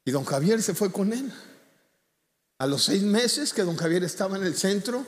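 A man's voice: sits high, expressive, normal speed, in a large hall. A man, a pastor preaching by telling a story with colloquial asides. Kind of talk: storytelling sermon.

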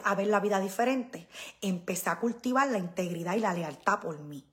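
A middle-aged woman, talking casually and emphatically to her viewers, often repeating herself. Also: on the low side. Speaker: vlogger. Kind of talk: casual live-stream talk to viewers.

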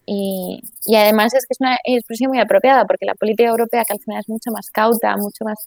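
Woman with a gravelly voice. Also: mid-range voice, steady tone, fast, dry recording. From Spain. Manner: explains at length with frequent restarts and tag questions. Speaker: interview guest, economist and author. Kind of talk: conversational interview.

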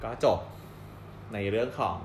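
Animated man recapping a show, roomy sound. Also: a little slow, slight background noise. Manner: animated storyteller, acts out quoted dialogue and laughs often. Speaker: co-host reviewing a drama series. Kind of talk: casual chat recap. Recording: roomy with faint background ambience.

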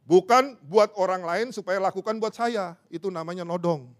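A man preaching with a fairly high voice that climbs and grows louder as he rouses the congregation. He calls out for amens and applause and acts out little conversations to make his point. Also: moderate pace. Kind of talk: sermon.

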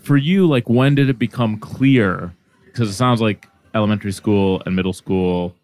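A man's voice: fairly low pitch, normal speed, darkish tone. A man whose first language is Arabic, hosting a podcast and talking loosely and casually with lots of "like" fillers. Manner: chatty, loose, many "like" fillers and restarts. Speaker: podcast host. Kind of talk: casual conversation.

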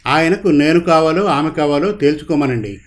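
An emotional, devoted wife pleads for her husband in a storybook reading, voiced by a man. The delivery is pleading, with a slightly raised pitch. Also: expressive, moderate pace, lightly acted. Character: emotional devoted wife, quarrelsome but loving.

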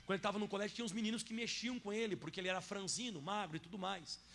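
A male pastor with a Brazilian Portuguese accent delivers a lively sermon in a church. His voice sits high for a man, dropping to quiet asides and then rising into loud, emphatic declarations. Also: very fast, gravelly, a little hiss or hum. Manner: animated preaching, swings from soft asides to loud emphatic declarations. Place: church sanctuary.

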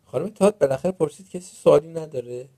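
A man reading a children's storybook aloud in the first person, with a Persian accent and a lively, playful delivery. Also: a little high, dry recording. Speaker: narrator.

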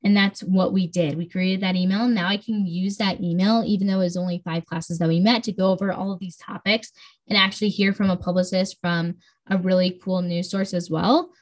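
A woman's voice: lowish voice, fairly even intonation, brisk, poor audio. A teenage girl hosting her own podcast, talking in an upbeat, enthusiastic, chatty way with frequent fillers. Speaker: podcast host. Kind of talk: casual solo podcast talk.

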